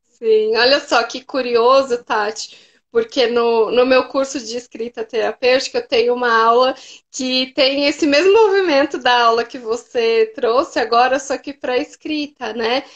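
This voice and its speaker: High-pitched lady hosting a chat, explains stuff, keeps saying "né", kinda dull lo-fi audio. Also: normal speed. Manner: explanatory, frequent "né" tags. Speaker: host and writing therapist. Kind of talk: conversational interview.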